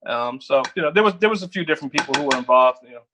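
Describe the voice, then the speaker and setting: Cooking in his home kitchen, a middle-aged Philadelphia man appearing as a guest rapper trades stories in a relaxed interview full of laughter and frequent cursing. He talks very fast at a fairly high pitch over a noisy background, animated and quick to laugh.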